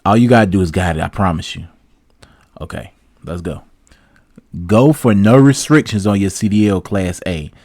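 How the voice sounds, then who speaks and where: Laid-back man, low dry voice. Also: moderate pace, long pauses, dry recording. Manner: relaxed, chatty, addresses viewers as "y'all". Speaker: truck driver giving career advice. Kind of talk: casual advice vlog with read-out tips.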